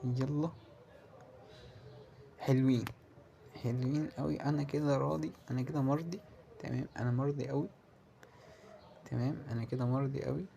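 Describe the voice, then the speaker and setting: A man with an Egyptian Arabic accent giving live commentary as he plays a slot game, muttering and pleading with it and breaking into loud cheers. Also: mid-range voice, steady tone, moderate pace, vocal fry, long pauses, highs cut off, a little hiss or hum. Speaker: gamer playing a slot game.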